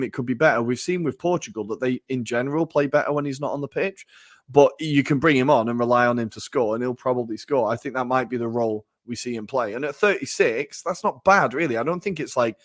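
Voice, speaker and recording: Guy breaking down football on a podcast, mid voice, dry close sound, gets lively and swears. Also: mid-range voice, no echo. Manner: animated, swears, laughs often. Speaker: podcast co-host. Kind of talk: casual football analysis.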